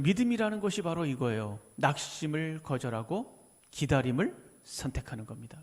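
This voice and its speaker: Pastor with a high voice, preaching in a reverberant hall. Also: male voice. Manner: conversational preaching, asks the congregation questions, acts out voices. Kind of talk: Sunday sermon. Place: church sanctuary. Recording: church livestream with long hall reverb.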